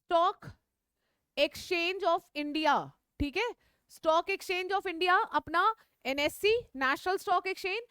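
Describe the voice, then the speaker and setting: A woman's voice: very high-pitched, bright, forceful tone, dry recording, clean studio sound. A woman teacher giving a live online class, repeating key points, checking in with students and mixing English phrases into her speech. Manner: mixes English phrases into Hindi.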